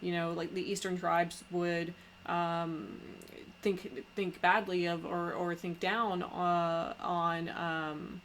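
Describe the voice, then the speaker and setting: A woman hosts a podcast in a casual, halting way, her voice sitting a little low. She pauses and restarts often while introducing topics. Faint room ambience sits behind her. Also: level tone, a bit bright, slight background noise. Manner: halting, many fillers and restarts. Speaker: podcast host. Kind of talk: casual conversation.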